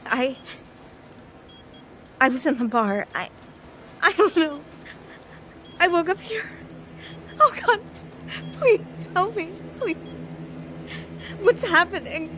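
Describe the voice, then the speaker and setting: A woman's voice: a little high, takes it slowly, long pauses, background noise. A terrified captive woman. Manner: pleading, panicked. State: frightened, screaming. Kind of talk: game voice acting.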